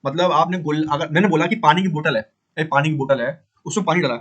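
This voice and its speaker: Higher-voiced man teaching coding casually. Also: a bit bright. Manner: repeats points, asks and answers own questions; frequent pauses to fix the drawing. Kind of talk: casual screen-drawing coding lesson.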